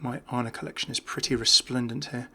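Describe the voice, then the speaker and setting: A man offers casual, off-the-cuff video game commentary in a chatty, enthusiastic way, getting excited over small details. His voice is medium-pitched and steady with a sharp tone, and he talks a little fast.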